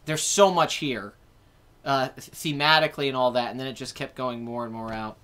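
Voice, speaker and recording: A man's voice: medium pitch, steady tone, moderate pace, fairly bright tone. A man in his twenties hosting a casual live chat about movies, rambling and correcting himself as he answers viewer comments. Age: 20s. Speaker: host.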